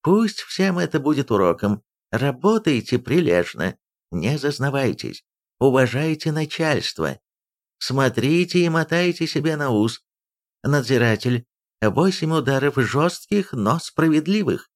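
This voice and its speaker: A man voicing a haughty, stern noble housekeeper who speaks loudly and nasally in a commanding way. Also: mid-range voice, very animated, a little slow, pitched above the performer's own voice. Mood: pompous. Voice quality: loud and nasal. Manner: imperious, commanding.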